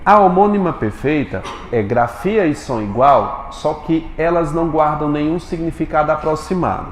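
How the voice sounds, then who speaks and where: Brazilian male teacher in an echoey classroom. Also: on the high side. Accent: Brazilian Portuguese. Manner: quizzes students with quick questions. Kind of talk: classroom lecture. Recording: echoey classroom with long reverb, faint noise.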